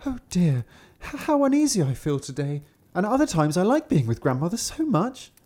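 A man voicing an innocent, trusting young girl in a high, sing-song manner. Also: sing-song, a little fast, a little mellow. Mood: wistful.

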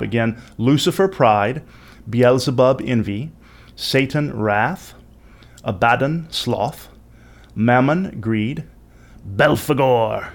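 A man with a creaky, gravelly edge to his middling-pitched voice hosts an explanatory lecture. He talks conversationally, musing aloud and turning to the listener with small rhetorical questions. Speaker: host and presenter of an educational video series.

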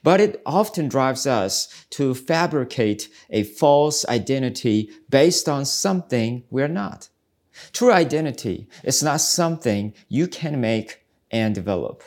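A man's voice: mid-range voice, darkish tone. A man, hosting a ministry podcast in an earnest, reflective devotional talk. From South Korea. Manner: earnest, searching, preacherly. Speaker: podcast host, ministry speaker.

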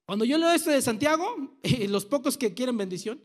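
A man's voice: extremely high pitch, lively intonation, fairly quick. A man preaching a sermon as pastor, asking the congregation questions and teasing them with jokes.

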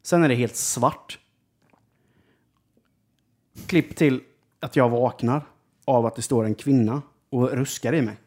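A man's voice: mid-range voice, long pauses, a little mellow. Young man, loose rambling anecdote with fillers and curses. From Jönköping, Sweden. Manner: rambling, lots of fillers and swearing. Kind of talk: casual storytelling.

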